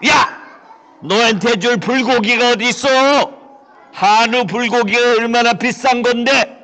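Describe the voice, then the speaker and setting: A man's voice: sits high, lively intonation, slow, sharp tone, some chatter behind, heavily acted. A man voicing a greedy, stingy rich man in a live church puppet show, scolding and blustering. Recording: reverberant church hall.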